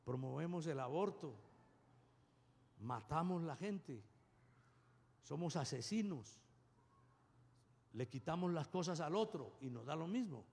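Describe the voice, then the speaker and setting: A man's voice: on the high side, lively intonation, unhurried, creaky, long pauses, a little mellow. A man preaching a sermon as pastor, constantly asking his congregation "yes or no?". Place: church. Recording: long church reverb.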